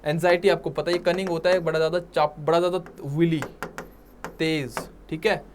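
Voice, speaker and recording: A man's voice: fairly high pitch, flat delivery, background noise. A man with a Punjabi accent teaching English vocabulary for an exam, mixing Hindi and English and often checking in with his students. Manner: mixes Hindi and English, checks in with "ठीक है?" and "right?"; repeats words slowly for emphasis. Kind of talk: exam-prep vocabulary lecture.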